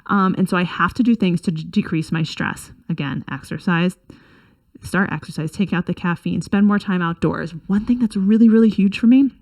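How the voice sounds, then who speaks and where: A woman's voice: fairly low pitch, normal speed, a little mellow. A woman in her thirties giving personal advice in an earnest, chatty way, with many fillers and restarts. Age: 30s. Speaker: wellness vlogger.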